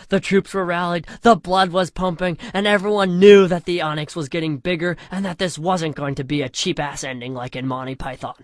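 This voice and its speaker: A storyteller performs a comedic, mock-epic reading of a crude parody fan story, shouting the dialogue and dropping low for the asides. The sound is clean studio audio without echo.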